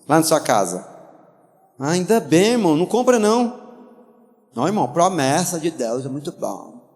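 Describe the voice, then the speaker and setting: Animated preacher, man, higher voice, storytelling style, reverberant hall. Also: normal speed. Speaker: pastor. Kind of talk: lively sermon with anecdotes.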